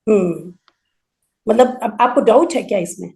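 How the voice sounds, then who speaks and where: A woman teaching an Arabic grammar class, explaining patiently and slowly repeating word forms for emphasis. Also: mid-range voice, dark tone. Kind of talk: online class lecture.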